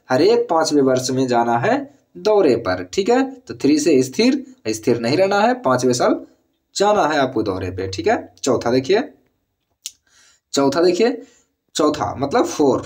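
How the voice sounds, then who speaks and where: A man's voice: a little high, darkish tone. A man teaching an exam-prep lesson in speech, repeating key words again and again and checking in with the listener.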